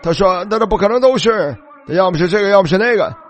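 A man preaching a fervent sermon, retelling scripture scenes and rising to shouts. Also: high voice, animated, quick pace.

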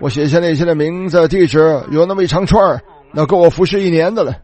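A male preacher telling a story in a sermon, animated and repetitive, retelling dialogue as he goes. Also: on the high side, fast.

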